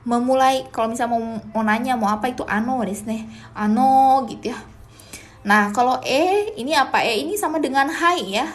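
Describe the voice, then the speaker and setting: Young woman teaching japanese on a live, chatty and casual, kinda high voice. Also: moderate pace. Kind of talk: live-stream language lesson.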